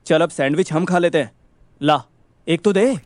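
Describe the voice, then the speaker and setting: A man's voice: on the high side, normal speed, darkish tone, no room sound, lightly acted. A man voicing a cheeky young male friend who talks in brash, slangy, mocking banter.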